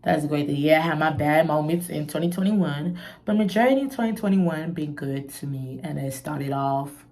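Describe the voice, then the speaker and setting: A young woman in a candid, casual vlog talk, expressive and chatty, swinging between quiet musing and bright laughing bursts. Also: deep voice, normal speed. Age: young adult. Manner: candid, expressive, peppers talk with "you feel me". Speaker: vlogger.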